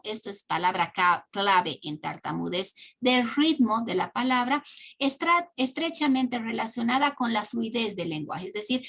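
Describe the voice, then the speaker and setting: A woman's voice: on the high side, a bit bright. A woman teacher giving an online class lecture, explaining step by step with many "eh" fillers and "¿no?" tag questions.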